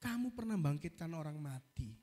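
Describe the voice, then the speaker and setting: A male preacher with an East Javanese accent voicing God, who gently scolds him in a reproachful tone. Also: on the high side, sing-song, a little fast, long reverb tail, voice pushed down.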